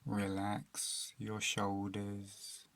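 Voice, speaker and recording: Guiding a meditation, a man speaks in a lowish voice, calm and soothing, never rushing and pausing at length between phrases. There's no room sound.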